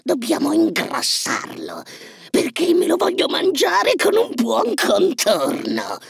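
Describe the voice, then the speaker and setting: A man voicing a wicked, greedy old witch in a fairy tale reading, with a creaky, sneering voice. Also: wildly swooping pitch, a crowd in the background, heavily acted. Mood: commanding. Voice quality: gravelly, creaky. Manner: slow, sneering, shrill swoops. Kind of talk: storybook reading.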